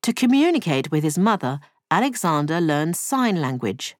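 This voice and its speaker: Lively, low-voiced woman narrator. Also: moderate pace. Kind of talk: scripted narration.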